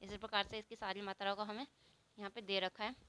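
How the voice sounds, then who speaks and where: Clear-voiced woman teaching a grammar lesson. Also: mid-range voice, flat delivery, pushed and bright. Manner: explains step by step, asks and answers her own questions; drawn-out example sounds. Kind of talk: spoken Hindi grammar lesson.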